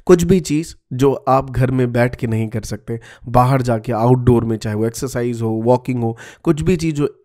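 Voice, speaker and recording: A man's voice: medium pitch, warm tone. A man giving students direct study advice in a motivational talk, often slipping English words into it. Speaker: YouTube study-tips presenter.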